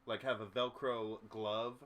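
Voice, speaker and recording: A man's voice: lowish voice, flat delivery, a little slow, a bit bright. A man co-hosting a casual sports chat, playful and tossing out silly ideas. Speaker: podcast co-host.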